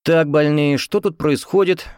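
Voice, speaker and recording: A man voicing a stern, brisk female nurse who gives curt orders. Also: a little high, clear, resonant tone, no echo, clean studio sound, pitched above the performer's own voice, lightly acted. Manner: curt, commanding.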